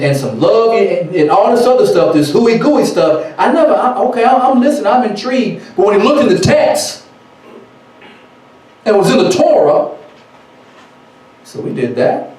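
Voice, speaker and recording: A man, teaching from scripture and history in an animated sermon style, reading passages aloud and riffing on them. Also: high voice, unhurried. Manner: animated, reads aloud then riffs in casual speech. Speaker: teacher at a ministry. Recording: echoey hall, from far off.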